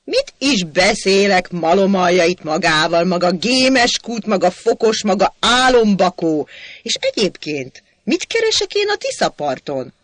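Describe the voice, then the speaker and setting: A short-tempered man, played by a man who keeps losing patience and raising his voice. Each outburst climbs well above the reader's usual pitch and swings widely. The recording is dry and close. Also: sing-song, no echo. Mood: exasperated. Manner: loud, exasperated outbursts. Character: irritable, exasperated man who keeps shouting.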